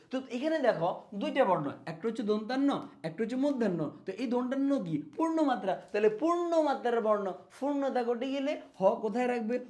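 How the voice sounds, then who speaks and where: A man with a Bangladeshi Bengali accent teaching a spelling lesson to exam students, energetic, asking questions and answering them himself, repeating words to drill them. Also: high voice.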